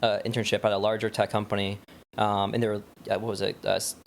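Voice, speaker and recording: A young startup founder from Wyoming, United States, rambles through stories as a podcast guest, his voice low, creaky, fast, and fairly flat in pitch. He chats casually with lots of "like" and "you know", over slight background noise.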